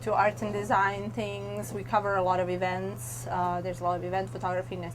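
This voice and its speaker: A woman's voice: mid-range voice, completely flat delivery, fairly quick, background noise. A young woman from Serbia, chatting as a guest in a casual interview, with lots of fillers and laughter. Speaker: guest, website editor. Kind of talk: casual chat.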